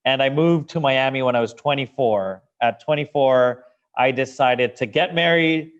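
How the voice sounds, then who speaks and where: A man from Venezuela, a business founder being interviewed, who talks in an animated way and often repeats words as he restarts sentences. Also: mid-range voice, normal speed, highs cut off. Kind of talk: interview conversation.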